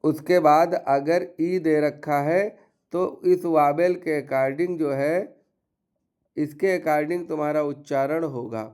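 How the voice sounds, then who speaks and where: A man with a voice on the high side, steady yet darkish, clear and resonant, teaches English pronunciation rules slowly. In classroom style he explains step by step and lists example words.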